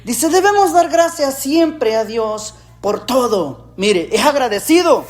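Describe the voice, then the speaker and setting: A man from El Salvador, preaching a sermon in an animated way, with rhetorical questions and jokey asides. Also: very high-pitched, slow. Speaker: pastor.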